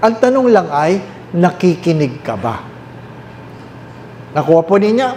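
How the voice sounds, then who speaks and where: Slow, mellow Filipino priest preaching. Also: male voice, on the high side, sing-song. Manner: mixes English and Tagalog, asks the listeners questions; repeats key phrases slowly. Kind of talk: sermon. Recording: roomy echo, faint background noise.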